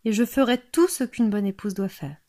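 Storybook frog princess: small, gentle, soft-spoken, read by a woman. Slightly raised pitch. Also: a little fast, lightly acted. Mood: tender. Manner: soft and tender.

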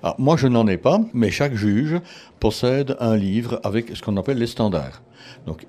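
A man from Belgium, a cat show judge, answering interview questions in a measured, explanatory way with frequent restarts. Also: mid-range voice, warm tone.

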